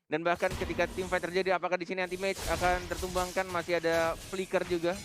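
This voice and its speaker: A man working as an esports caster, delivering excited play-by-play in long run-on calls. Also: high-pitched, fast talker, music in the background.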